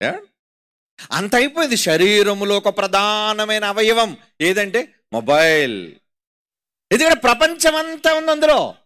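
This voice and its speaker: A man with a Telugu accent delivers a sermon in a high voice that swoops up and down. He mocks his listeners and keeps firing rhetorical questions at them. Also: very animated, measured pace, pauses often, sharp tone, clean tone. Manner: mocking, rhetorical, constantly asking the audience. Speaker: pastor.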